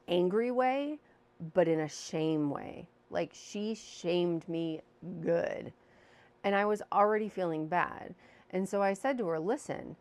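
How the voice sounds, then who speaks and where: A woman telling a personal story in a casual, candid vlog, speaking into a microphone with a windscreen at home. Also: fairly low pitch. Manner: chatty, candid, self-deprecating. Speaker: vlogger. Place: home room with a fan running. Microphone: new microphone with windscreen.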